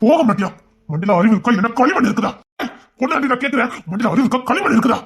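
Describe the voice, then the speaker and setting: A brash young rowdy, played by a man, rattles off his words quickly in a husky voice. He scolds and lectures with exasperated force, and sounds bitter about love. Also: very high-pitched, expressive, fairly bright tone, exaggerated voice. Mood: angry. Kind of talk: amateur romance drama acting.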